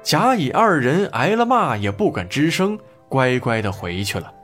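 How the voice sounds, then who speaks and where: A man's voice: medium pitch, normal speed, soft background music. A man narrating a children's history story expressively. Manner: expressive, lively.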